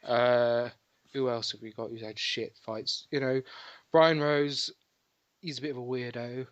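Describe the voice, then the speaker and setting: A man's voice: mid-range voice, fairly even intonation, measured pace, no room sound. Man in casual sports chat, dry close sound. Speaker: podcast panellist.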